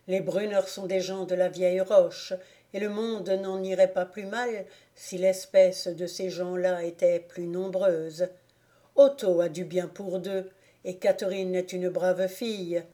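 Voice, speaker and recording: A jovial village clarinet player from a storybook, hearty and speechifying, as read by a woman narrator. The voice stays close to the reader's own mellow, warm tone. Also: fairly low pitch, close to an everyday voice.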